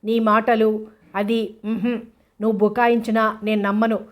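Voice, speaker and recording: A woman reads a gaunt older father, bitter and indignant toward his grown daughter. The voice keeps a flat, narrow pitch with little rise and fall, in an audiobook reading. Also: a little slow, lightly acted.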